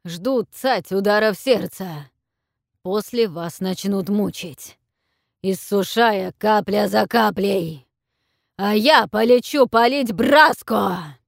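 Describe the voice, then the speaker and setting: A woman voicing a cruel male bronze dragon who booms out commands and mocks his captives. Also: slow pace, vocal fry, no echo, studio quality. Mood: threatening. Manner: booming, commanding, mocking.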